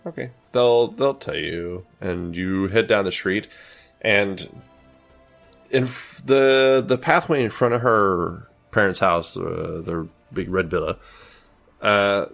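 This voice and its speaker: A man working as game master, improvising tabletop narration in a casual, halting way. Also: sits low, creaky, fairly bright tone, soft background music.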